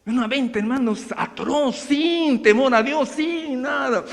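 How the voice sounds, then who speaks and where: A pastor preaches with energy and keeps addressing the congregation as brothers. His voice sits fairly high for a man. A long reverberant tail follows every phrase in the church hall. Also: unhurried, gravelly. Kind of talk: sermon.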